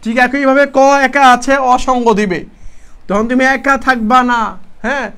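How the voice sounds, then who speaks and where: A young man with a Chittagong accent teaches an exam-prep class in a high voice. He explains each point step by step, asks questions and answers them himself. He calls his students brother, friendly and patient. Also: fairly even intonation, normal speed, a bit bright. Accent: Chittagong Bangla. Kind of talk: online exam-prep lesson.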